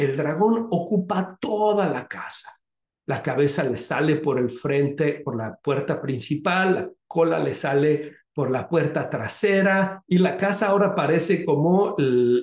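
A man hosting a podcast, telling a story and giving advice in an animated way. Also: on the high side. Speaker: podcast host. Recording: roomy echo.

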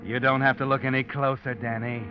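A man narrating a 1940s radio drama in the second person, brooding and measured. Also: medium pitch, flat delivery. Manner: brooding, measured, addresses the hero as you. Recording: dull old radio broadcast with music.

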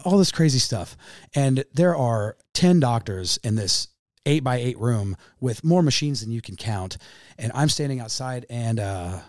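A Midwestern American man in his thirties, a podcast guest, tells an emotional story haltingly, repeating himself and calling the host "man." His voice is medium-pitched and darkish, and the recording is dry and studio quality.

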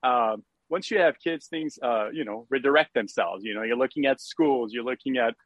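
A man's voice: medium pitch, moderate pace, fairly bright tone, no echo, muffled recording. A middle-aged man from France with a French accent, chatting casually as a podcast guest with many fillers and easy laughter. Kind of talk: casual interview chat.

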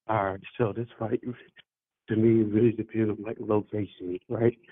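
A man's voice: level tone, moderate pace, dry recording. A man calling in over a muffled phone line while leaving an office, talking loosely and repeating words. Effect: muffled, bass-heavy phone line. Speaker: remote caller on a show. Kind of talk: casual chat.

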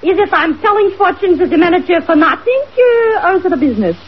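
A woman's voice: very high-pitched, very animated, quick pace. A woman playing a wily, haggling carnival fortune teller with a put-on foreign accent and inverted broken syntax, in old-time radio comedy. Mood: businesslike, haggling. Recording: muffled old radio recording, audience and hiss.

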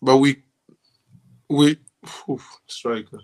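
A man's voice: mid-range voice, fairly even intonation, takes it slowly. A young man in casual team chat during a game, repeating his own and his teammates' phrases. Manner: repetitive, echoes himself and teammates. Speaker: team player in a football draft game.

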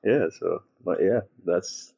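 A man, a podcast guest telling stories in a relaxed way, laughing easily. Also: low voice, slow pace, gravelly, husky. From Trinidad and Tobago. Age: 30s. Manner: relaxed storyteller, laughs easily, restarts often. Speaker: podcast guest, university lecturer. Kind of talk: casual interview chat.

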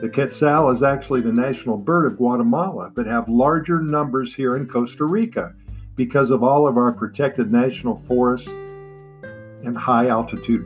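A man narrating in a nature documentary style as a podcast host, with enthusiastic, promotional delivery. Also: mid-range voice. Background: plucked guitar music.

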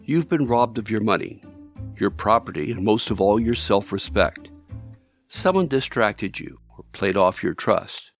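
A man hosting a podcast, reading scripted narration in a measured storytelling way, addressing the listener directly. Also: lowish voice, animated, soft background music. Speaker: podcast host.

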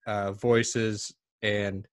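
A man co-hosting a casual interview podcast, phrasing his questions in a hesitant, halting way. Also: on the low side, little pitch movement, smooth, no room sound, studio quality. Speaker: podcast co-host.

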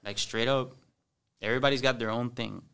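A man with a Miami accent, a comedy influencer on a podcast, telling animated stories in casual chat and slipping into Spanish. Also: mid-range voice, a little fast, vocal fry, clean tone. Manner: animated storyteller, acts out encounters, slips into Spanish.

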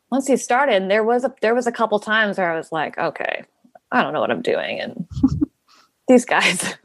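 A woman's voice: mid-range voice, no room sound. Woman, interview guest, rambling, filler-heavy, dry recording. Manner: rambling, many fillers and restarts. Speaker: guest, nonprofit founder. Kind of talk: casual interview answers.

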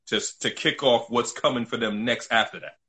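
At a moderate pace and medium pitch, a middle-aged man speaks with a sharp tone while casually telling his own story in an interview. He comes from New City, New York City, United States, and is emphatic, often saying things more than once.

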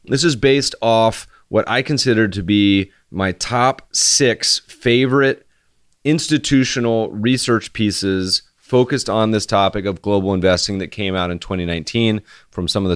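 A man with an American accent hosting a solo podcast, talking casually and conversationally in a deadpan monotone. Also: fairly low pitch, unhurried, clear, resonant tone, no room sound, clean studio sound. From United States. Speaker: podcast host.

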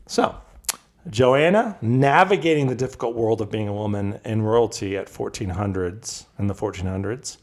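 A man co-hosting a podcast, telling a history story in loose, halting casual chat. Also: on the low side. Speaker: podcast co-host.

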